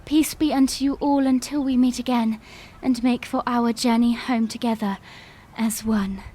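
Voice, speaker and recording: Woman acting high-voiced, stately Princess Zelda. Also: fairly even intonation, moderate pace, mellow, natural voice. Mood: solemn, proclaiming. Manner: stately, earnest, formal. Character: young princess, solemn, resolute and caring leader. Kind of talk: fan audio drama acting, formal oratory.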